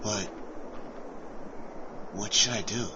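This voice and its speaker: A slightly muffled recording of an amateur actor as a shaken young man in an audio drama. He is fairly low-voiced, earnest and guilt-ridden, faltering over his words. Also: fairly even intonation. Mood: lost, subdued. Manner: halting, faltering. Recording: muffled home microphone, faint noise.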